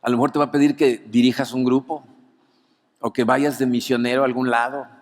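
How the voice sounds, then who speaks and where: In a church auditorium, a male pastor with a Mexican Spanish accent preaches an anniversary sermon like an animated storyteller, tacking "¿no?" onto his lines. His mid-range voice runs a little fast, and the church hall gives the recording a long reverb.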